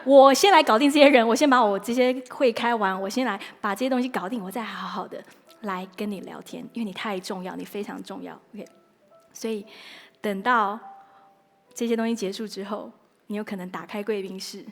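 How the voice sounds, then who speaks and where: A woman pastor preaching a sermon in a lively, playful way, acting out little inner dialogues. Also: mid-range voice, fairly quick, long reverb tail, faint music behind.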